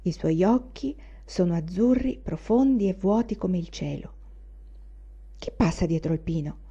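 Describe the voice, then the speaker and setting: A woman narrating a classic novel for an audiobook in an expressive, measured way. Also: lowish voice, slightly rough. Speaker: audiobook reader. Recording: dull lo-fi recording.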